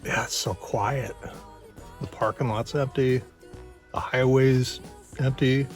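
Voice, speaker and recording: A man's voice: medium pitch, fairly even intonation, slow pace, faint music behind. A man vlogging casually, talking in an informal, plain-spoken way. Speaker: travel vlogger. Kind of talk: casual vlog chat.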